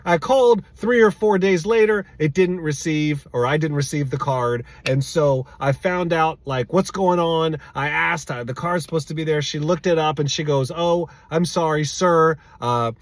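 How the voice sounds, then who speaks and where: A male sales coach tells a story as a lesson, pressing hard on his points and circling back to the same words. His voice sits a little high for a man. The sound is dry and close, with no room around it. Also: normal speed, few pauses, no room sound. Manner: emphatic and exasperated, repeats key words. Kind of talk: storytelling advice monologue.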